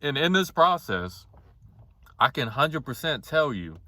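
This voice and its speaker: Young guy doing a confessional vlog, kinda monotone but bright voice, blunt, rambly, very dry audio. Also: medium pitch, unhurried, dry recording. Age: 20s. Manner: rambling, blunt, casual swearing. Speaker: vlogger. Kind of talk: casual confessional talk to camera.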